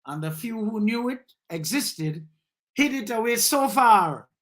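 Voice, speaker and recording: A man with a high-pitched, fairly bright voice and lively intonation hosts a live session. His reflective commentary turns into motivational preaching, delivered in a measured way with emphatic rises.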